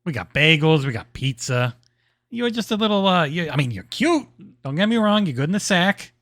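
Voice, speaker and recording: A loud, brassy New York dame with a put-on accent, blunt, flirty and teasing, as a podcast host hams her up. Her voice swoops high and low. The room is dry and close. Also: sing-song, moderate pace, dry recording. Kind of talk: comic improvised impression.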